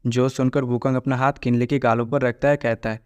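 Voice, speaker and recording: A man tells a story recap in a steady, even-toned narrating voice. His voice is smooth and clear, with little rise and fall in pitch. The sound is dry and close, with no room echo. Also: brisk, dull audio. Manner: flat, steady storytelling with quoted lines read plainly.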